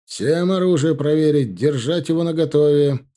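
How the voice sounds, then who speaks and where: A stern company commander, voiced by a man who shouts firm orders in a raised, higher voice. The tone stays mellow and dark in this storybook reading. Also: huge pitch swings, slow pace, breathy edge, full character voice. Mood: commanding.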